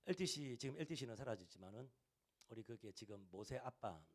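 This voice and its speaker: A man's voice: mid-range voice, lively intonation, fairly quick. A male pastor preaching a sermon in a church service, repeating key phrases with rising and falling emphasis. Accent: Korean.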